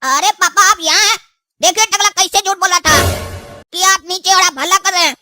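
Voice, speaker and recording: A woman's voice: very high-pitched, fairly even intonation, fairly quick, dry recording, clean studio sound, soft background music, full character voice. A woman voicing a hot-tempered young son in a cartoon, hurling insults. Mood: indignant. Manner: rude, shouting insults. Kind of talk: cartoon dubbing.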